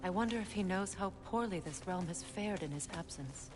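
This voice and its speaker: An actress playing a wise, rueful goddess and mother in a video game, speaking in a measured, reflective way with dry sarcasm. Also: on the low side, natural voice.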